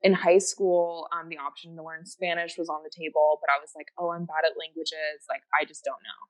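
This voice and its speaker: A woman whose native language is Japanese chats enthusiastically as a podcast guest, rambling with lots of fillers and restarts. Her voice is deep with little pitch movement, she talks a little fast, and the recording quality is low.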